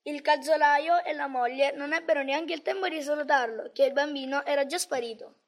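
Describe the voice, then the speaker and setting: A woman with a high, light voice reads a Christmas storybook aloud, narrating calmly with measured phrasing.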